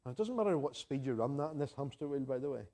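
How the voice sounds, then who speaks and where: A man's voice: mid-range voice, animated, rapid-fire, dark tone. A man with an Ulster accent from Northern Ireland preaching a sermon in an earnest, conversational manner, repeating phrases for emphasis. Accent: Northern Irish, Ulster. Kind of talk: sermon to a congregation, with homely anecdotes and prayer.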